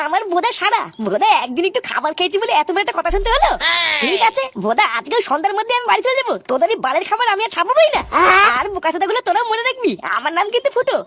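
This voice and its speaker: A comedy sketch performer voicing several characters in a lively, profane manner. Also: female voice, very high-pitched. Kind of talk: comic sketch acting. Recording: music playing behind.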